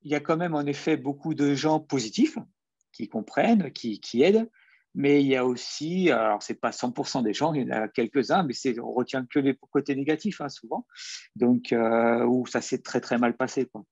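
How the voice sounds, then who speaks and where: A man's voice: mid-range voice, moderate pace, darkish tone, husky, no room sound, dull audio. A man speaking as a guest on a radio panel, talking in a hesitant, trailing way with many fillers.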